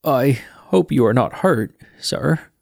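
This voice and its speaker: A man's voice: medium pitch, animated, slow pace, vocal fry, no echo, studio quality, exaggerated voice. A man voicing Mort, a polite, nervous teenage boy who speaks earnestly and with some hesitation.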